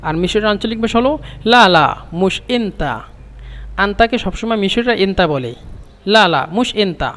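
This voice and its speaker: A man teaching Arabic phrases, repeating each one slowly and then explaining it. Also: high-pitched, fairly bright tone. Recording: long reverb.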